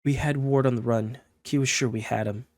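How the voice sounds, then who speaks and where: A man reading the lines of a wounded, calm and commanding vampire woman in a text-based game. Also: mid-range voice, brisk, dry recording, lightly acted. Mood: grim.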